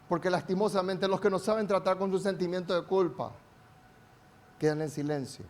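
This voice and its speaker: A man's voice: a little high, darkish tone. A male pastor with a Paraguayan Spanish accent, preaching a sermon with emphatic calls for the congregation to repeat after him and strings of rhetorical questions. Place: church service.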